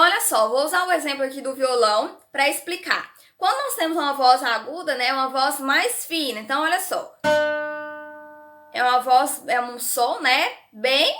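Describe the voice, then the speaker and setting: A woman's voice: high voice, a bit bright, reverberant. A woman teaching a primary school science class in Brazilian Portuguese, explaining patiently and checking in often with "né?" and "certo?". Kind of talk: recorded remote class lesson.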